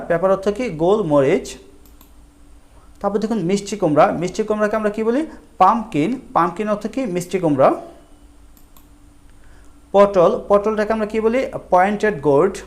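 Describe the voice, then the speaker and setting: A man teaching a vocabulary lesson, asking and answering his own questions in a slow, repetitive drill. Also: high-pitched.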